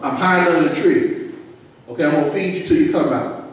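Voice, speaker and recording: A man's voice: on the high side, brisk. A man preaching a sermon, repeating phrases for emphasis. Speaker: pastor. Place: large church sanctuary. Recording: echoey sanctuary, mic from far off.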